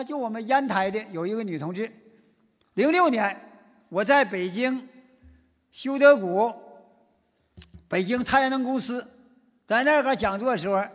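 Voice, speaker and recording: A man with a Northeastern Mandarin accent gives a moral lecture in a lecture hall, telling stories in a folksy, animated way with many "是吧" asides. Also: high-pitched. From Northeast China. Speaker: public lecturer. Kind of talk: moral lecture told through anecdotes. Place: lecture hall at a public forum.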